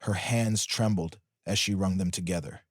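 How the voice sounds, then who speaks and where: Male story narrator, steady scripted delivery, lowish voice, dry close recording. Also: normal speed, breathy edge, dry recording.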